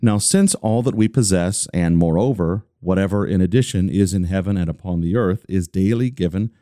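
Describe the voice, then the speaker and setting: Male reader, deep and dark-toned, deliberate devotional reading, dry close sound. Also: dry recording. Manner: deliberate, steady, slowing on listed phrases. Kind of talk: measured reading of a religious catechism.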